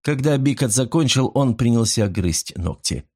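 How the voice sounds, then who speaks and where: A man reads an audiobook in a lowish voice. His narration is even and measured.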